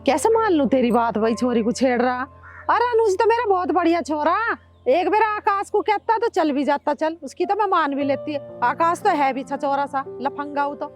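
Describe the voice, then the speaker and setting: A woman's voice: high-pitched, lively intonation, moderate pace, soft background music. Scornful Haryanvi village mother. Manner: scolding, dismissive. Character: sharp-tongued village mother, proud and scornful. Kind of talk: Haryanvi film acting.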